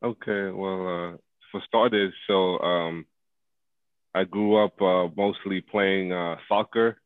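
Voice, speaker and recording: A man's voice: deep voice, steady tone, slow, clean tone, no room sound. A man from Zambia, a former basketball player, answering interview questions in a rambling way with many fillers. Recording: phone-like call audio.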